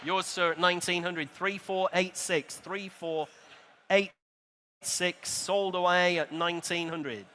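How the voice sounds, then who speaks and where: British guy auctioneer calling out bids, bright sharp voice, chatty with bidders, big reverby hall. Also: sits high, steady tone, measured pace. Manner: chatty, jokey asides to bidders; polite, courteous address to bidders. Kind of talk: live auction bid calling, rhythmic repeated prices. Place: large indoor auction hall at a motor show.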